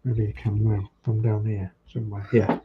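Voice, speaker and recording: A man's voice: on the low side, flat delivery, moderate pace. Hull-accented man muttering over noisy, dull audio. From England, Hull. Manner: muttering to himself while working. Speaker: hobby model-making demonstrator. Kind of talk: casual hands-on workbench commentary. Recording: dull, noisy room recording.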